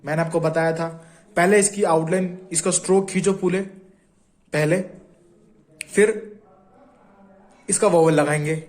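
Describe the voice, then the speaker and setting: A man's voice: on the high side, fairly even intonation, measured pace, long pauses, a little mellow. A man teaching shorthand in a patient tutorial, repeating each sound aloud as he writes and often checking in with his viewers. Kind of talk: Hindi tutorial explaining strokes.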